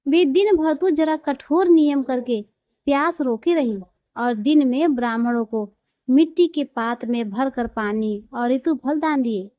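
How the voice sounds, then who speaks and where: A woman narrating a devotional story in a calm, reverent, measured way. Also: high-pitched, no echo, highs cut off.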